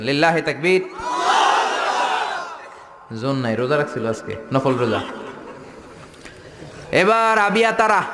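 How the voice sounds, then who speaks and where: A man's voice: on the high side, a bit bright, long reverb tail. A man from Bangladesh preaching a playful sermon to a large tent gathering, mimicking regional dialects and leading chants. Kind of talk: Islamic sermon to a crowd.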